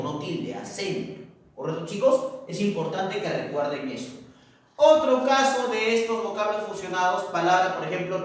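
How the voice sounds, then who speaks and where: A male teacher giving a grammar lesson, repeating key words slowly and constantly checking understanding with tag questions. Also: high-pitched. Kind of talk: classroom grammar lecture. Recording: very echoey room, distant mic.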